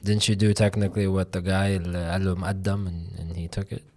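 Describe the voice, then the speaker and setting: Very deep-voiced man co-hosting. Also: flat delivery, fast talker, mellow. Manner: backchannels, interjecting. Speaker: podcast co-host. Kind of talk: casual podcast chat.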